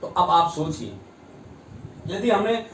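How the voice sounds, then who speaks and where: A man with a fairly high voice gives a grammar lesson, leaning on key words and repeating them. He sounds set back from the mic in an echoing room. Faint ambient noise sits behind him. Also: very animated, slow, fairly bright tone, recorded from a distance. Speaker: teacher. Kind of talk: grammar lesson with a told anecdote.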